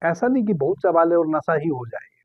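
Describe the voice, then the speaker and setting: A male spiritual meditation teacher with a fairly high voice guides a meditation calmly and without hurry, repeating key phrases. The recording is dry and close, with a thin, phone-like sound.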